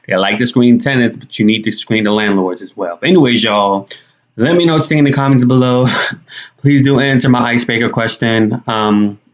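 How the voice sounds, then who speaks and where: A young man giving casual news commentary to camera in a conversational, slangy way. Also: on the low side. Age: young adult. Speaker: YouTube commentator. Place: small indoor room.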